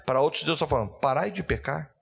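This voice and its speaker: A man preaches with fervour, his voice sitting a little high for a man. He reads scripture aloud, pushes into loud, urgent calls, then pulls back to plead with his listeners. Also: expressive, fast talker, gravelly, slightly rough. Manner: fervent preaching, rising to loud exclamations and Bible readings. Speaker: pastor. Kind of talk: sermon.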